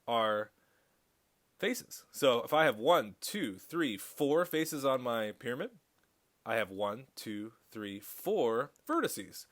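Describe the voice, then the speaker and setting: A man teaching a recorded high school math tutorial, chatty and upbeat with corny jokes. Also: a bit bright.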